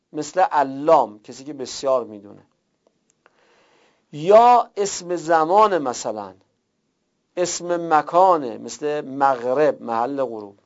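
A man's voice: on the high side, darkish tone. A man teaching a class, explaining step by step with worked examples and rhetorical questions. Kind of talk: classroom lecture. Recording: dull lo-fi recording.

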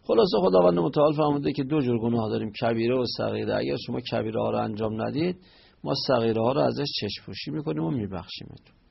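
A man's voice: medium pitch, vocal fry, slightly rough, highs cut off. A man teaching a grammar lesson, explaining step by step and raising questions, then answering them himself. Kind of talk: Arabic grammar lesson on Quranic verses.

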